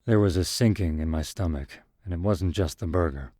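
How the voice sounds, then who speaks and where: Measured and even, a man with a low voice tells a scripted story in the first person. He's captured on a close microphone in a dry recording.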